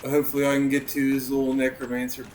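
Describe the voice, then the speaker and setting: A man playing the game while co-hosting, calmly explaining the mechanics in a dry, easygoing way. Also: medium pitch, quick pace. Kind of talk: casual gameplay commentary. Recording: distant mic with faint background noise.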